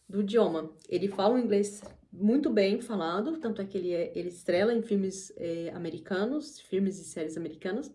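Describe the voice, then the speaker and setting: Speaking to camera as the host of her channel, a Brazilian English teacher uses a fairly low, slightly mellow voice. Her casual talk meanders, full of restarts and side comments.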